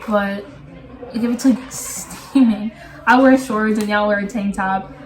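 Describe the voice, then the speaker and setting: A woman's voice: mid-range voice, steady tone, unhurried, far from the mic. A young woman guest in a casual chat, easygoing, with lots of "like" and "um". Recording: roomy sound from away from the mic.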